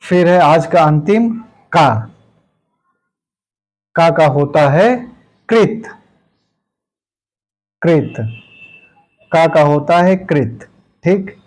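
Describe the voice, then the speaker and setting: A man with a somewhat high voice teaches a Hindi grammar class for exam students. He explains patiently with homely everyday examples. He goes word by word, repeating each one slowly and dropping "okay" after nearly every point. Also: darkish tone, poor audio. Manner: repeats words slowly, tags lines with "ठीक है". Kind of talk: exam-prep grammar lesson.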